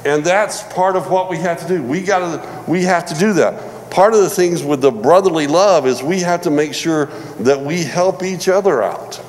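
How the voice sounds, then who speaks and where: A man in his forties preaching a sermon in a relaxed, conversational way, often repeating words and checking in with "all right?". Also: fairly high pitch, moderate pace, few pauses, in a large hall, rough recording. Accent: non-Michigan American. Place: church hall.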